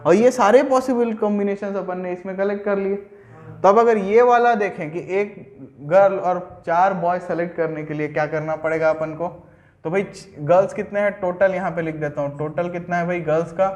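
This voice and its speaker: A man's voice: high-pitched, normal speed, a little mellow, reverberant. A young man teaching a math lesson at a board in a conversational way, often checking that students follow and mixing English terms into his talk.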